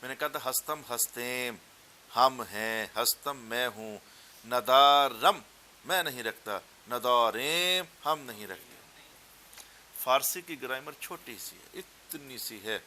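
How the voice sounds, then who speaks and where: A man with a Punjabi accent teaching a class, explaining step by step, repeating words and chanting verse slowly. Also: mid-range voice, bright, forceful tone. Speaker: teacher of a Persian text class. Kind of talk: classroom lesson. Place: classroom with students.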